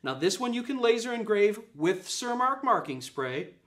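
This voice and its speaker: This man's high voice is very animated and fairly bright, moving at normal speed. Standing at a display table in an office room, he gives an upbeat live product demo, leaning on fillers and saying the same points again.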